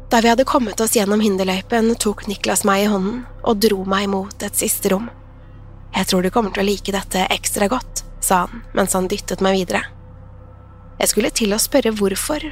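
A woman reading a first-person horror story aloud in a calm, measured way. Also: mid-range voice. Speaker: narrator. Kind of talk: scripted horror narration. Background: soft music.

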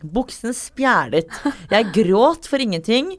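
Animated young woman telling a story. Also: medium pitch. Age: 20s. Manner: animated, acts out quotes with sudden shrieks; swears casually. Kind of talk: casual storytelling chat.

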